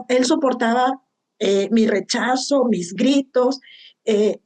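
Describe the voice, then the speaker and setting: A woman's voice: on the high side, darkish tone. A woman giving heartfelt Bible teaching to a women's group, often asking "¿verdad?". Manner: heartfelt, tags lines with "¿verdad?".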